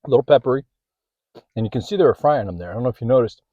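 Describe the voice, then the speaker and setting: A man's voice: mid-range voice, lively intonation, very fast, mellow, no room sound, highs cut off. A man hosting a casual food vlog, chatting as he eats, sometimes with his mouth full, filming one-handed in a parked car. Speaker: food vlogger. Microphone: handheld phone or camera.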